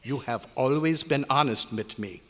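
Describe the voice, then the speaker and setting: Fond and softened, the cranky old research scientist keeps grumbling in exasperation with his odd inverted phrasing. Here the actor's male voice sounds close to everyday speech, at medium pitch and normal speed. It's performed live on stage in an echoey hotel meeting room during a convention's old radio drama recreation.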